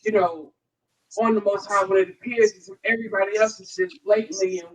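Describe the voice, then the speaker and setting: A mid-range, steady voice, a little fast, comes from an American woman far from the mic, and the audio is poor because she's captured by someone else's microphone across from her. She's part of a scripture study panel, keeping the Bible talk casual and checking in with listeners often.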